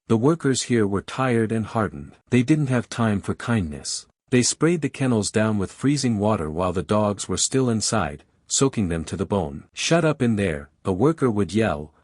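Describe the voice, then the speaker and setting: A man reading a scripted story aloud in a steady, measured way. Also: fairly low pitch, no room sound, studio quality. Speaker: narrator.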